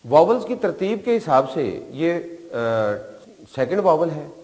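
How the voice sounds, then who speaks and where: A man's voice: on the high side, expressive, unhurried, darkish tone. A man from Pakistan with a Pakistani accent, teaching a shorthand class at a board, explaining patiently step by step and repeating key terms. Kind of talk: board lecture. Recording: long reverb in a hall-like room.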